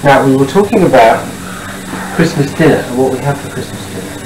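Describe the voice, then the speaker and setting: A man's voice: medium pitch, very animated, brisk. A man on an old VHS home video, patiently coaxing a young child with simple questions at home. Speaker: parent filming a home video. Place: family home indoors. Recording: noisy, echoey home video tape.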